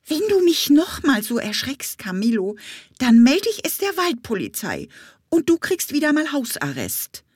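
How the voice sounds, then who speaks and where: A woman's voice: on the high side, animated, measured pace, darkish tone, husky, dry recording, studio quality, pitched above the performer's own voice. A woman voicing a bossy, fussing little female bumblebee in a children's audiobook, talking urgently and scolding.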